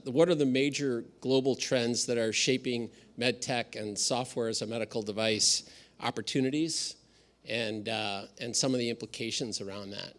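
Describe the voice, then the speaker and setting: An American man in his fifties hosts a conference panel. He speaks in a polite, formal way at an ordinary middle pitch as he introduces the speakers and poses questions. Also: a bit bright. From United States. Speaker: panel moderator.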